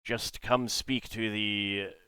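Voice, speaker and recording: A man voicing a courteous, wary lizard folk ship captain in a tabletop game, with halting, formal, grave speech. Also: fairly low pitch, fairly even intonation, bright, forceful tone, clear, resonant tone. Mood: grateful, formal.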